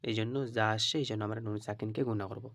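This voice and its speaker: A man's voice: lowish voice, completely flat delivery, racing, a bit bright, dry recording, clean studio sound. A man teaching Quran reading, spelling out syllables one by one and drawing out the recited words, often checking with "right?". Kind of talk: slow spelled-out recitation lesson.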